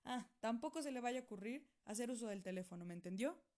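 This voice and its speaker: A woman's voice: a little high, expressive, fast, warm tone, close to an everyday voice. A woman voicing a strict, authoritarian middle-aged doctor uncle in a storybook reading, formal and scolding. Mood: stern.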